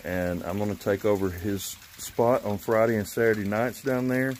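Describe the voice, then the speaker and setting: Sitting on a covered porch outside, a fiftysomething man with a fairly low voice talks at normal speed into a phone at arm's length for his vlog. He wanders loosely from point to point in a relaxed way while a steady background noise runs through the outdoor recording.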